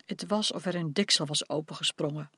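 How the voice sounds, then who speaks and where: A narrator reading a novel aloud in a measured, steady way. The voice sits at a middle pitch and is recorded close and completely dry. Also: breathy edge, dry recording. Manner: measured storytelling. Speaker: audiobook narrator. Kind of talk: audiobook reading. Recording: dry close studio sound.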